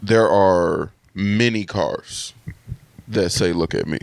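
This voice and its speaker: A man co-hosting a podcast chats casually and laid-back about everyday topics, his gravelly voice moving at a slow pace with no echo. He mentions that others call his voice deep, though he hears it as mid.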